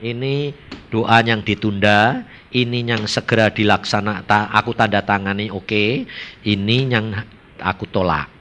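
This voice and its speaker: A man voicing the Lord in a sermon story, speaking low, quiet and measured. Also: fairly even intonation, a little hiss or hum. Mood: calm. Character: the Lord, calm gentle male voice.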